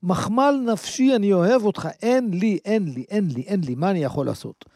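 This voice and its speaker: A fond father coaxes his child, apologetic and soft-spoken. A male preacher plays him with a lifted pitch. The sound is dry and close. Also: animated, dry recording. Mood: coaxing. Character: loving father gently refusing his child.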